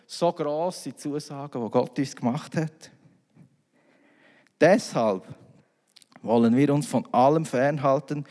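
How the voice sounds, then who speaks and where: A man's voice: medium pitch, mellow. A man preaching a sermon in a loose, conversational way full of asides and restarts. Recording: long reverb of a hall.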